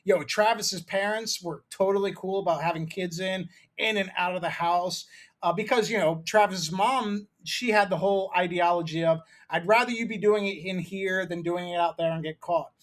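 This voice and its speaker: A man's voice: high voice, moderate pace, fairly bright tone. A man in his thirties from Maryland, co-hosting a podcast and telling a rambling, profane story in casual chat. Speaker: podcast co-host.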